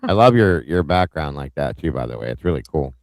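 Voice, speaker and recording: Man, livestream co-host, very low voice, blunt, self-deprecating humor, dry sound. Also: sing-song, fairly quick, darkish tone, no echo, poor audio. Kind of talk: casual livestream case discussion.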